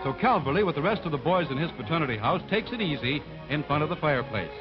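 A man's voice: fairly high pitch, expressive, fast. A man giving formal, scripted sports narration on an old 1940s newsreel soundtrack. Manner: formal, announcer-like delivery. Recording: dull lo-fi 1940s film sound with loud music. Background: loud music score.

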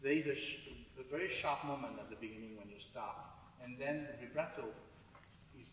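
A man coaching a flute masterclass, scatting phrases to demonstrate and talking in halting broken phrases. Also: medium pitch, fairly bright tone. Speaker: flute teacher. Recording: roomy hall recording from far off with faint noise.

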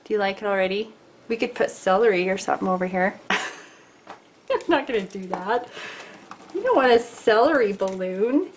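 A woman's voice: medium pitch, expressive, moderate pace, long pauses, a little hiss or hum. A middle-aged woman teaching a casual drawing lesson, chatty and playful, talking to her viewers as she sketches at a desk. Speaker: art teacher.

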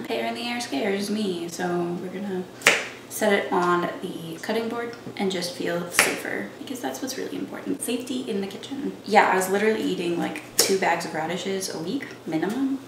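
A woman's voice: medium pitch, noisy background. Young woman, rambling cooking vlog chat, roomy kitchen, distant camera mic. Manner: chatty, rambling, lots of "like". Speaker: vlogger. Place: home kitchen, indoors. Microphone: camera across the kitchen.

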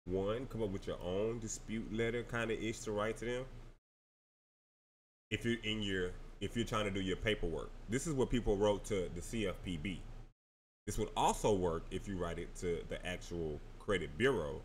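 A man's voice: sits low, slight background noise. A tired man talking casually and slangy through a screen-share tutorial, addressing viewers as y'all. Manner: laid-back, slangy, talks to viewers as y'all. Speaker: credit repair vlogger.

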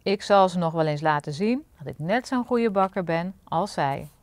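A woman's voice: on the low side, animated, moderate pace, lightly acted. A woman voicing a tiny, determined young baker. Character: smallest young male baker, quietly determined.

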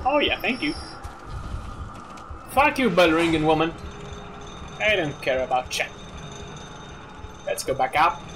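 A man's voice: fairly high pitch, big pitch swings, unhurried, pauses often, fairly bright tone, slight background noise. A man in his thirties giving casual let's play commentary, with playful muttered asides to himself and the game. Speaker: gaming video host. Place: small room indoors. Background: game music.

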